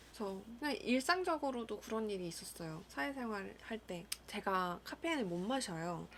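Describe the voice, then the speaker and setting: Young woman counselor, mid-pitched, musing gently aloud with a few whispered asides. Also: a little hiss or hum. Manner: calm, thoughtful, measured, with soft whispered asides. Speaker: school counselor. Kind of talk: reflective solo monologue.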